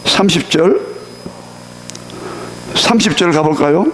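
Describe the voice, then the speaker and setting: A middle-aged man from South Korea preaching a Sunday sermon in a church, his voice sitting notably high. He talks in an animated, conversational way, checking in with the congregation and leading them through scripture readings together. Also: slow, a little hiss or hum. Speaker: pastor. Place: church sanctuary.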